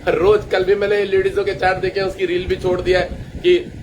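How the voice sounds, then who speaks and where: A man with a high voice gives a casual astrology lecture. He brags and swears freely, and he tells his stories with lively scorn. A faint noise sits under his voice. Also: fairly quick, low-quality recording. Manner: boastful, crude and swearing, telling anecdotes. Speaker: astrologer and teacher. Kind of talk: casual lecture-style monologue.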